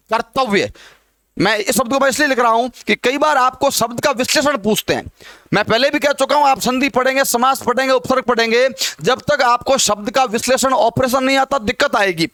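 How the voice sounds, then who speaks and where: A man's voice: very high-pitched, a bit bright, smooth, no echo. A man teaching a Hindi grammar lesson who keeps asking questions and answering them himself, repeating the key words.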